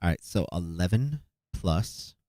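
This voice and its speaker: Judging beatbox submissions on a live stream, a man thinks aloud in a low, expressive, mellow voice that moves a little slowly, with no echo. He calculates as he reviews each clip, stumbling through fillers and restarts in a casual style.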